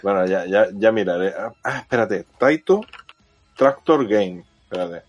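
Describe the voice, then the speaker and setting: A man hosting a casual chat in an excitable, slangy, repetitive way. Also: low-pitched, moderate pace, dull audio, faint music behind. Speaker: podcast host.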